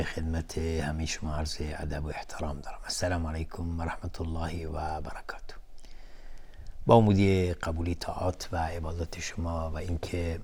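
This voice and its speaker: A man with a fairly low voice leads a televised lesson on Quran recitation. He explains the rules in a measured way, naming each term one at a time. He sets off each verse with a slow chant at a raised pitch. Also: darkish tone. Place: TV studio.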